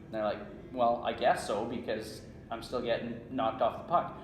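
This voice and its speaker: Being interviewed at a conference, this Canadian-accented man, a strength coach from small-town Saskatchewan, talks at a normal speed in a level, mid-range voice. He explains conversationally and keeps tossing in "right?" The indoor room gives a roomy echo, with slight background noise and faint ambience.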